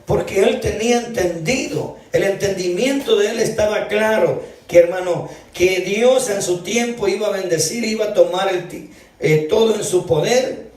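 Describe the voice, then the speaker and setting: Male preacher, higher voice, reads scripture, says "brother" a lot, booming hall echo. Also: normal speed, darkish tone. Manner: keeps calling listeners brother. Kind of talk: evening sermon reading scripture aloud. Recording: echoey hall, distant mic.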